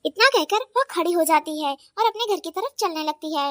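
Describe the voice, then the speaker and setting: A woman narrating a cartoon story in a simple, steady storytelling manner. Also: extremely high pitch, normal speed, no room sound, clean studio sound.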